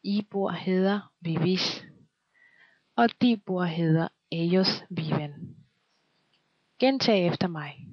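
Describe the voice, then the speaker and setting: A woman teaching a scripted language lesson, slowly and patiently quizzing the listener and pausing for answers. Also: fairly low pitch, dry recording. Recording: dull lo-fi, dry recording.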